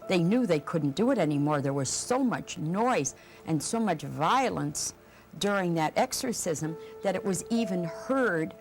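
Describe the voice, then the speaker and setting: Gravelly low-voiced woman telling a story. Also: animated, unhurried. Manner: earnest, interjecting and repeating words. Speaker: paranormal investigator guest. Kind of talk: interview storytelling.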